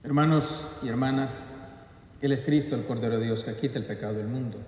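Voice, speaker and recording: Solemn priest in cathedral echo. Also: male voice, mid-range voice, fairly quick, a little mellow. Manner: solemn, formal recitation. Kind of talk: liturgical prayer and blessing. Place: large reverberant church interior. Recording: echoey church with long reverb.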